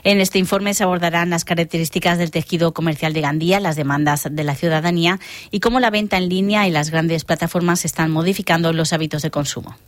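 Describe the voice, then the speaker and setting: A woman the reading local radio news in a clear, measured way. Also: lowish voice, steady tone. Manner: clear, measured newsreader delivery. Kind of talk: read local news bulletin. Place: radio studio. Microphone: studio microphone.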